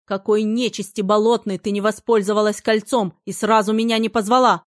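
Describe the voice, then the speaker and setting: A woman's voice: medium pitch, fairly even intonation, moderate pace, no echo, studio quality, lightly acted. A woman reading the lines of a domineering male battle mage, commanding and silky by turns. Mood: menacing. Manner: commanding, then silky and menacing.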